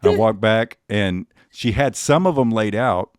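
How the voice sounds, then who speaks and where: A man's voice: lowish voice, normal speed, no echo, clean studio sound. A man hosting a comedy show, telling stories and running a quiz with wry sarcasm. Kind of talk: comedic monologue and game hosting.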